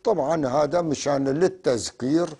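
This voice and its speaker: A man teaching a language lesson, spelling out sounds slowly and deliberately. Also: a little high, dark tone, slightly rough. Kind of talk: classroom lesson.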